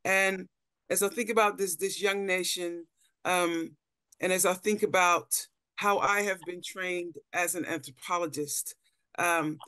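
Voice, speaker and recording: Her voice is on the low side, sharp and clean, with fairly even intonation and an unhurried pace, recorded dry. She's a middle-aged Dutch anthropologist on a panel, giving a reflective slide-based lecture over a video call from an indoor room and often repeating words as she looks for phrasing.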